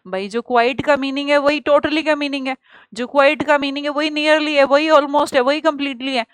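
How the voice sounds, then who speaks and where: A woman with an Indian accent teaching an exam-prep grammar lesson, explaining lively and asking her students rhetorical questions. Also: high voice, moderate pace, no echo.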